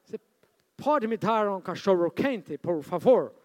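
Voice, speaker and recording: A man playing a foreigner who politely orders food in halting, stilted speech. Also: high voice, lively intonation, warm tone, pitched below the performer's own voice. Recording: long church-hall reverb.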